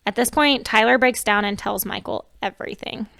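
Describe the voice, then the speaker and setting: Creaky-voiced woman telling a true crime story. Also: a little high, moderate pace, a bit bright, no echo, clean studio sound. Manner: laughs while telling, swears casually, acts out quotes. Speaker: podcast co-host.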